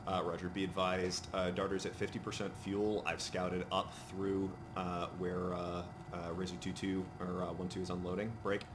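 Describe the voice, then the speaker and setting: Brief: male mil-sim commander, low even voice, matter-of-fact radio procedure, very noisy background. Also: moderate pace, few pauses. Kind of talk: military radio commands, gaming. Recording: loud background noise over game audio.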